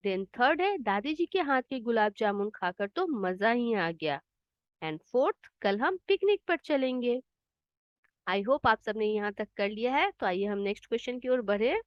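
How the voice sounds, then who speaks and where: Woman, teacher, patient, children's lesson, slightly high voice, muffled recording. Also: big pitch swings, measured pace, no echo. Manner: patient, explains words in English. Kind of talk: children's Hindi lesson, explaining answers. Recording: dull, slightly muffled dry sound.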